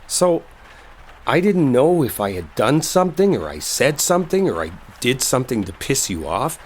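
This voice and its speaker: In an intimate dramatic roleplay audio, a man plays an earnest, lovestruck coworker clearing up a misunderstanding, talking one-sidedly in a halting, colloquial, confessional way. His natural mid-range voice swings widely in pitch and sounds flustered and pleading, with rainstorm ambience and slight background noise behind him.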